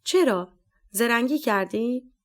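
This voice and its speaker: A woman's voice: a little high, expressive, close to an everyday voice. A woman voicing a stern, scornful male police captain who scolds harshly and talks down sarcastically. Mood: scolding.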